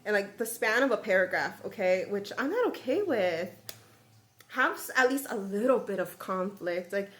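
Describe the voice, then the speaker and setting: A young woman vlogging about a book she is reading, animated and chatty, with lots of "like" and "babe". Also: mid-range voice, normal speed. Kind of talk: casual book reaction rant.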